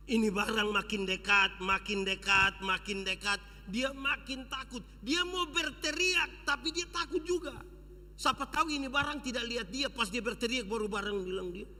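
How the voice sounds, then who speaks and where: A pastor with a Sumba accent telling a story in a revival sermon, swinging dramatically between shouts and hushed moments. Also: male voice, very high-pitched, normal speed. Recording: long church hall reverb.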